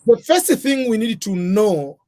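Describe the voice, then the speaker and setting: A man's voice: high voice, sing-song, unhurried, dark tone. Methodical man explaining step by step. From Tanzania. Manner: methodical, breaks topics into numbered points. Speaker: guest, scholarship advisor. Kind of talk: explanatory interview talk.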